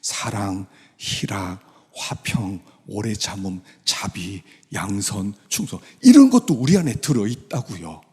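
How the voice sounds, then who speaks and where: A male pastor preaching a sermon in a church sanctuary, swinging from hushed whispers to loud exclamations and acting out inner voices. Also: lowish voice, sing-song, measured pace, few pauses, slightly rough. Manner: acts out inner voices and prayers. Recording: long church hall reverb.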